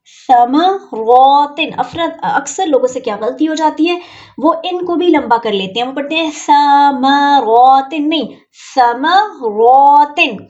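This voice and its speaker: Young female tajweed teacher, Urdu accent, high and patient, drawn-out demonstrations, muffled distant home recording. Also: reverberant. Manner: patient, stretches example words slowly to demonstrate. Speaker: Quran teacher. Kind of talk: online tajweed lesson.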